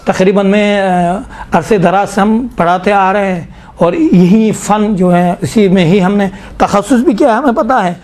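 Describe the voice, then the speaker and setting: A middle-aged man teaching a class on Quran recitation. He explains step by step and slowly recites and repeats verses to show how they are said. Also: high-pitched, darkish tone. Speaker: tajweed teacher.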